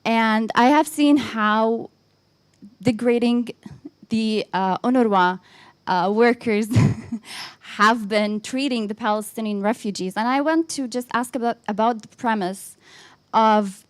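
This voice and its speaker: A woman's voice: on the high side, slow, smooth, no room sound. A woman from Lebanon, asking an earnest, hesitant question from the floor at a symposium. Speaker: audience questioner. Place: conference hall.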